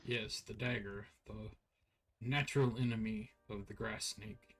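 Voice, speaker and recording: A man with a fairly low, steady, fairly bright voice speaks at a measured pace over faint music as he streams an online role-playing game. He's tired, yawning through rambling, casual commentary loaded with "like."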